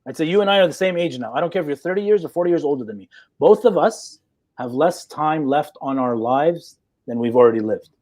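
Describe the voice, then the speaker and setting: A man's voice: fairly high pitch, expressive, fairly quick, darkish tone. Assertive man in his forties explaining. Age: 40s. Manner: assertive, lecturing with rhetorical "okay?" checks. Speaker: guest psychologist. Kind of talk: live chat discussion.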